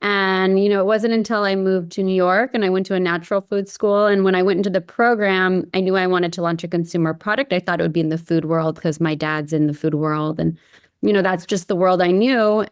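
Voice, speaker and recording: On the low side and smooth, this woman's voice comes through clean studio sound with no room echo. She's a Hawaii-born company founder appearing as a podcast guest, telling her own story informally with plenty of "like" and "you know."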